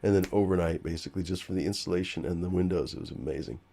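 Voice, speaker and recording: Male stream host, very low and mellow voice, loose rambling delivery full of "uh" and cursing. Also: rapid-fire. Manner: rambling with many fillers and swearing. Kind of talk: casual live-stream chat.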